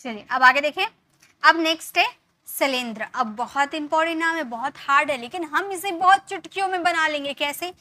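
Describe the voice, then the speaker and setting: High, bright-voiced woman teaching slowly. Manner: patient, repetitive explaining with many rhetorical questions. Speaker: English teacher. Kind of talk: classroom lesson.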